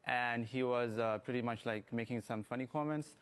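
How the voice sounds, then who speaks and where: A young man who grew up in Ethiopia, a student guest in a morning TV interview, speaking haltingly with many fillers. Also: mid-range voice, clean tone. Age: young adult. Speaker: guest, student app developer.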